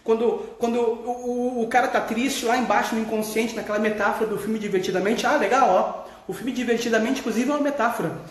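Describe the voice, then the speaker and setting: A man's voice: very high voice, steady tone, a little fast. A man with a Gaúcho Brazilian accent, a therapist talking candidly in a casual vlog, swearing freely and laughing as he talks. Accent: Gaúcho Brazilian Portuguese. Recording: echoey room.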